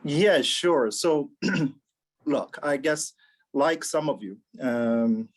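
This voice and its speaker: This mentor from Barbados, an actuary executive, chats informally on a video call panel and tends to repeat words while working out his thoughts. He has a fairly high pitch and lively intonation, yet his delivery is extremely slow.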